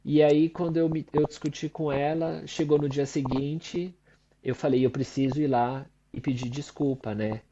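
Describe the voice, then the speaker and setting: A man's voice: fairly high pitch, steady tone, moderate pace, dark tone, a little hiss or hum. A man co-hosting a podcast in casual chat, reflective, ending many phrases with a questioning tag. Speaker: podcast co-host. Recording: slightly dull lo-fi recording.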